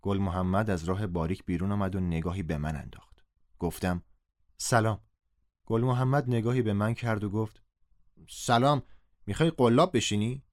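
A man narrating a story in first person, reading the dialogue aloud with a raised voice. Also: sits low. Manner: reads dialogue in a raised, louder voice.

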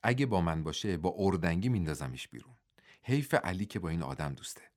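A man's voice: low-pitched, animated, a little mellow. A man voicing an indignant middle-aged mother who speaks sharply and with scorn.

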